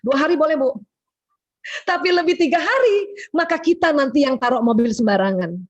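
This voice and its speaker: High-pitched woman preaching health tips over a muffled zoom call, acts out little dialogues. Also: fairly quick. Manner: animated, acts out quoted dialogue. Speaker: guest speaker, doctor. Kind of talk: lively religious health talk. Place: home, on a video call. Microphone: video call. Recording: dull lo-fi call audio.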